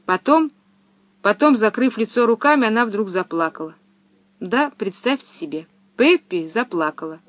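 A woman narrating a children's storybook in a lively, expressive way. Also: on the high side, normal speed, dry recording.

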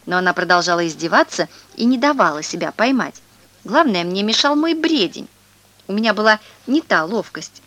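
With a medium-pitched voice at a moderate pace, a woman reads a children's story aloud, lively and expressive throughout.

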